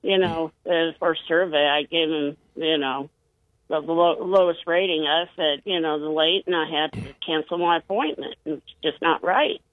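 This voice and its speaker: A caller on a radio show, heard over the phone, who talks in a halting way and often repeats and restarts words. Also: mid-range voice, no echo. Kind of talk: call-in radio chat. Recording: tinny phone line, dry.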